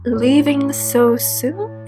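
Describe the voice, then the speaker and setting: A woman voicing a teenage girl who acts as a best friend but is a sly traitor, with a drawn-out, teasing delivery. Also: high-pitched, animated, mellow, soft background music, exaggerated voice. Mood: sinister. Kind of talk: fan voice acting for an animated game movie.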